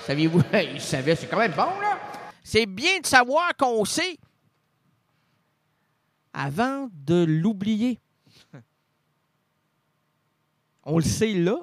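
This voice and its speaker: A man's voice: high voice, sing-song, takes it slowly, long pauses, a bit bright, big-room sound. A man, rambling absurdly through an improvised comedy sketch. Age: 40s. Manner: rambling, absurd, switching between voices.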